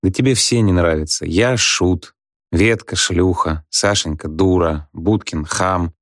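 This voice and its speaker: A man's voice: sits low, measured pace, no room sound, studio quality. A man reading a story, voicing a meek, evasive husband who answers mildly and quotes proverbs. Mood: placating. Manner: mild, placating, proverb-quoting.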